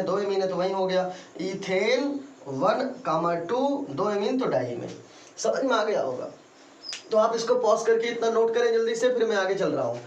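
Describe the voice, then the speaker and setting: A man's voice: high-pitched, a little hiss or hum. A male chemistry teacher gives a classroom lecture, calls his students "beta" and repeats key terms in call-and-answer. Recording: roomy echo, voice from a distance, faint ambience.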